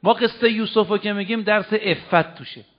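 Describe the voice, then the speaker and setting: High-voiced man preaching a sermon. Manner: rhetorical questions, recites Arabic verses slowly. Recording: dull lo-fi recording.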